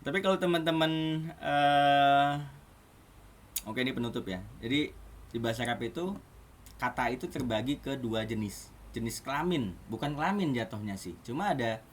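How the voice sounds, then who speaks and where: A man's voice: medium pitch, expressive, moderate pace, slight background noise. A man teaching an online Arabic class in a casual, chatty way, often asking his students questions.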